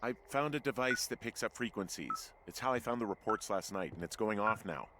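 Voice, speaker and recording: Guy doing a tired deadpan lookout in the woods, lowish voice, forest noise behind. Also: fairly quick, lightly acted. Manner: dry, deadpan. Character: weary, dry-humored man alone in the woods. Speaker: fire lookout. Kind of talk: video game voice acting. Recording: game audio with forest ambience noise.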